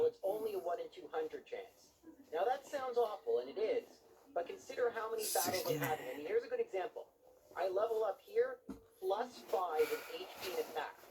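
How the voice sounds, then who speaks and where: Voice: medium pitch, poor audio. A narrator giving scripted video game commentary in an explanatory, conversational way.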